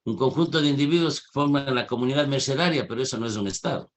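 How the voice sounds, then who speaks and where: A male lecturer teaching over a video call. He talks in a didactic way, asking his students questions and pressing on their answers. His voice sits in a middle pitch. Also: fast. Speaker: university lecturer. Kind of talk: online class lecture with questions.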